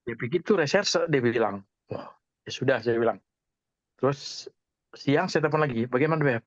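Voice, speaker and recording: A man's voice: mid-range voice, brisk, dry recording. Middle-aged man, dry and muffled video-call sound, casual testimony with quoted dialogue. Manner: retells the story with quoted dialogue, repeating "saya bilang". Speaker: church small-group member giving a testimony.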